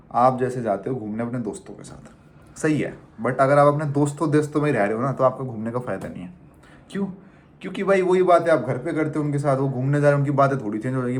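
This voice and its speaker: A young man in his twenties, a travel vlogger from India, talking casually and animatedly to the camera. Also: mid-range voice. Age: 20s. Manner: animated, chatty, teasing the viewer as "bhai".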